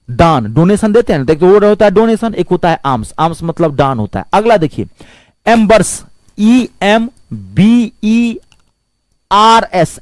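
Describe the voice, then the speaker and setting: A man's voice: high-pitched, dry recording. A man teaching English grammar in a Hindi-language classroom lecture, spelling words out letter by letter and asking his students rhetorical questions.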